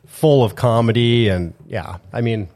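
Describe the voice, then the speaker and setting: A man's voice: mid-range voice, unhurried, a little mellow. A man co-hosting a casual movie chat in a studio, rambling with lots of fillers. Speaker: podcast co-host.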